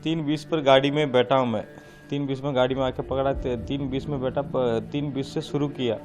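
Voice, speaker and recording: Brief: man giving testimony, mid-pitched, halting and repetitive, music loud underneath. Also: fairly even intonation. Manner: halting, repeats himself while recounting. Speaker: rescue worker interviewee. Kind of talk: testimony to a reporter.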